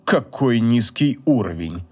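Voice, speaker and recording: A man voicing a stern old male mage who speaks slowly, coldly and with contempt in an audiobook. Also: medium pitch, big pitch swings, voice pushed down, natural voice. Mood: disdainful. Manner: slow, cold, disdainful.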